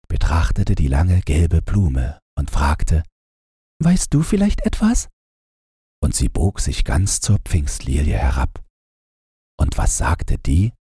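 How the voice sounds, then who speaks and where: A man reading a fairy tale aloud as a calm, soothing bedtime story. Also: a bass voice, slightly rough, no echo, studio quality. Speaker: audiobook narrator.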